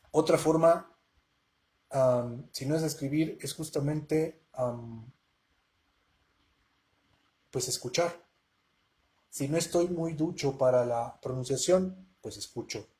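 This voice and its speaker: A man's voice: medium pitch, slow, pauses often, warm tone. Chatty man teaching languages. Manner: conversational, checks in with rhetorical questions. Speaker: language teacher hosting a live Q&A. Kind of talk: casual live-stream lesson.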